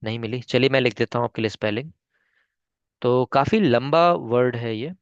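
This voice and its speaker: A man with an Indian accent teaches spoken English online in a smooth, medium-pitched voice at a normal pace. He patiently breaks long words into syllables, spelling them out one by one, and keeps checking in with his students with a frequent "ठीक है?" The recording is dry and lo-fi.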